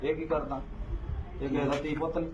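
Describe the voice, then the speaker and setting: A high-pitched man scolds and lectures in a confrontational street argument, repeating his demands again and again. The sound is dull and echoey, with clear noise behind him. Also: level tone, a little fast, distant mic. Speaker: activist confronting a drug seller. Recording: echoey, dull, noisy phone video.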